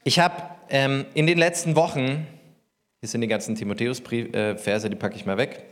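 A man's voice: mid-range voice, steady tone, normal speed. A man preaching a sermon as pastor, talking conversationally and asking the congregation questions.

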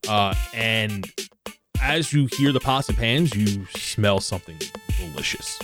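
A man's voice: fairly low pitch, unhurried, over music. Man narrating a tabletop game. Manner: relaxed, descriptive, with filler "like". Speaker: game master.

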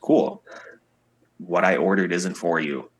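A man's voice: deep voice, fairly even intonation, takes it slowly, breathy edge. A man, a singer-songwriter guest, chatting casually in an interview and telling stories where he acts out the people he quotes. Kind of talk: casual podcast interview chat.

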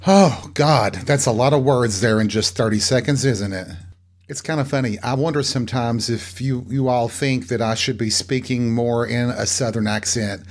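A man's voice: medium pitch, normal speed. A man hosting his own podcast, delivering a chatty, campy comedic monologue with self-mocking asides. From American South. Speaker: podcast host.

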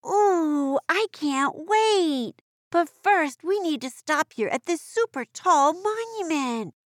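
A woman voicing a perky, excitable, curious gray cat in a broad singsong children's-theatre delivery for a scripted educational kids' show. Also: very high-pitched, takes it slowly, no echo, studio quality, full character voice. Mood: delighted.

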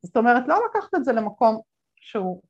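A woman guest telling stories in an interview, animated, acting out the voices of people she quotes, with many fillers. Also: on the high side, slightly rough, dull audio. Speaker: guest speaker. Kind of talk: conversational interview storytelling.

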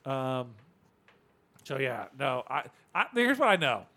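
A man's voice: mid-range voice, big pitch swings, slow, bright, forceful tone. A man in his fifties co-hosting a podcast, rambling and joking loosely, swearing freely. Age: 50s. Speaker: podcast co-host. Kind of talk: casual chat.

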